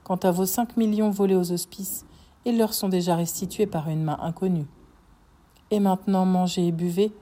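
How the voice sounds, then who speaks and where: A vengeful nobleman speaks in slow, solemn declarations, as a woman reading aloud gives him voice. The voice is low and mellow. It is a spoken storybook reading. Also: fairly even intonation, lightly acted. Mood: commanding. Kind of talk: audiobook reading.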